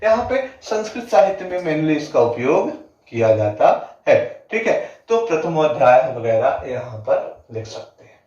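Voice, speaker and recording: A man teaching an exam-prep grammar lesson. He asks the class questions, answers them himself, repeats definitions slowly with drawn-out words and keeps saying "ठीक है". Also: a little high, sing-song, a little mellow. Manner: fills gaps with "ठीक है". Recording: echoey, distant, dull lo-fi room sound.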